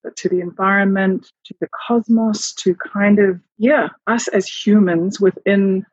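A woman from Samoa speaking earnestly and thoughtfully in a recorded clip, pausing and restarting as she reflects. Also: mid-range voice, fairly even intonation, a little mellow, slightly rough, dry recording. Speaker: interviewee. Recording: dull, dry, muffled recording.

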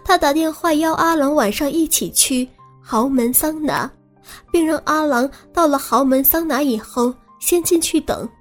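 A woman narrating a serialized audiobook in a steady, smooth storytelling manner. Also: high voice, moderate pace, faint music behind.

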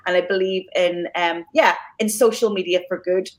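A woman's voice: lowish voice, steady tone, normal speed, poor audio. Chatty woman hosting a podcast. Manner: warm thanks with fillers and restarts. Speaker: podcast host. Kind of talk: casual podcast chat.

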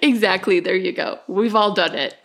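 A woman's voice: mid-range voice, normal speed, gravelly, noisy background. A woman co-hosting a podcast in casual chat, chatty and laughing often. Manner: chatty, laughs often, animated when joking. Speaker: podcast co-host.

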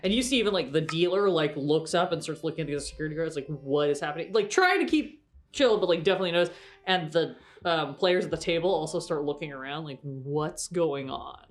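A woman's voice: low voice, expressive, quick pace. A woman narrating a tabletop game as game master, chatty and full of fillers and restarts.

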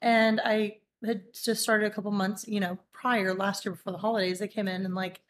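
A young woman bartender as a guest in a casual chat, playful and quick with laughing asides. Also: medium pitch, little pitch movement, a little hiss or hum.

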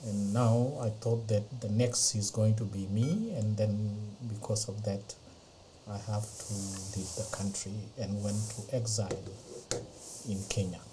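A middle-aged man from Ethiopia, not a native English speaker, slowly recounting his life in a podcast interview with many pauses and fillers. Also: fairly low pitch, steady tone, background noise. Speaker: interview guest. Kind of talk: slow personal testimony. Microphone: podcast interview mic.

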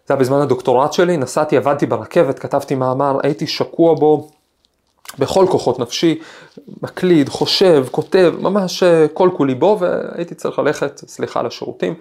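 Hesitating often, a professor hosting a podcast tells a personal story in a thoughtful, reflective talk. His voice is somewhat high and a little mellow.

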